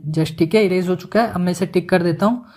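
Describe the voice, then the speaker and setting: A man giving a casual, joking software tutorial, mixing English words into his Hindi as he works. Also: high-pitched, quick pace. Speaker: animation tutorial instructor.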